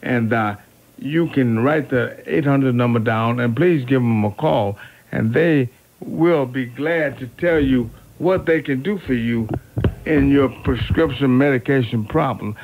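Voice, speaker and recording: A man hosts an R&B oldies radio show, chattering unscripted in a halting, fumbling way, repeating words and correcting himself as he goes. His voice is medium-pitched with slight background noise, recorded in a radio studio and heard as a narrow, phone-like AM radio aircheck.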